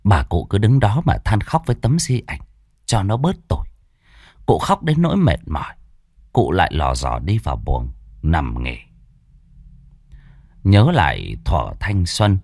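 A man narrating a ghost story in a measured, brooding way. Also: deep voice, darkish tone, no room sound, clean studio sound.

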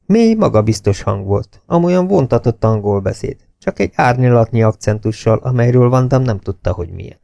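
A man narrating an audiobook in a steady, measured reading style. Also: mid-range voice, creaky, no room sound, dull audio.

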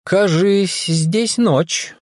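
Man doing a bright, eager young soldier. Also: high-pitched, extremely slow, dry recording, clean studio sound, voice pushed up. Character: young male special forces captain, eager.

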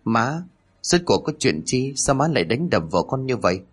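A man voicing a gentle young husband who pleads politely with his mother. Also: mid-range voice, sing-song, moderate pace, breathy edge, pitched above the performer's own voice. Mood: pleading.

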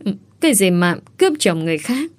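A woman's voice: mid-range voice, big pitch swings, quick pace, close to an everyday voice. A woman voicing an elderly mother who scolds and laments, in a reproachful, wailing way. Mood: pleading.

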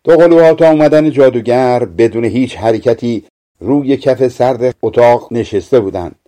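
A man narrating a fairy tale audiobook in a measured, expressive reading. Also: medium pitch. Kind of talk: scripted storytelling narration.

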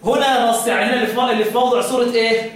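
High-voiced Egyptian man teaching, echoey room. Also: fairly even intonation. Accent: Egyptian Arabic. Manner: drills by question, draws out recited words slowly. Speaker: teacher of Quran recitation. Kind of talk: classroom lesson with questions to students. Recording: echoey room, voice from far off mic.

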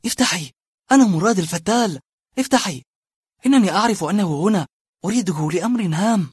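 A man's voice: sits high, expressive, fast, slightly rough, no room sound, clean studio sound, pitched above the performer's own voice, exaggerated voice. A man voicing a desperate man who urgently presses to be let in and asks for help in a dramatized audiobook. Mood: insistent.

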